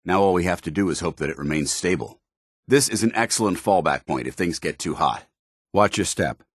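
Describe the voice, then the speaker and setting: An actor playing a stern, dutiful military paladin in a post-apocalyptic video game, speaking formally with clipped authority. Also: male voice, low voice, lively intonation, brisk, breathy edge, no echo, clean studio sound. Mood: vigilant, matter-of-fact. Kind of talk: video game companion dialogue.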